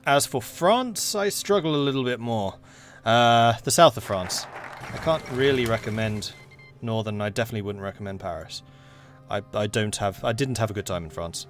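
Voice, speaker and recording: Faint music plays behind this young Englishman, a streamer whose fairly low voice moves at a normal speed. He chats with viewers in a relaxed, rambling way and reads game events aloud as he plays.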